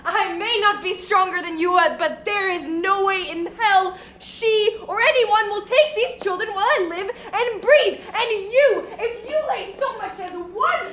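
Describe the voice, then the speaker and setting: A woman's voice: extremely high pitch, a little slow, hardly any pauses. A student actress playing a fierce, protective old grandmother in a school stage play. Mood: scolding. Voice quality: scolding, sharp-tongued. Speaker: student actor. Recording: echoey hall, faint noise.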